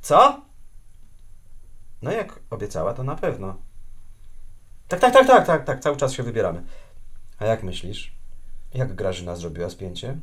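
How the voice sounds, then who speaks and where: Grumbling middle-aged husband, radio comedy, lively pitch. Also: male voice, measured pace, long pauses. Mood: flustered. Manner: exasperated, wheedling, lively intonation.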